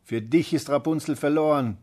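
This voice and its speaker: A man voicing a furious old female sorceress in a fairy tale reading, scornful and shrieking, with a husky voice. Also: a little high, moderate pace, darkish tone, pitched above the performer's own voice, lightly acted. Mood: mocking. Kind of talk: storybook reading.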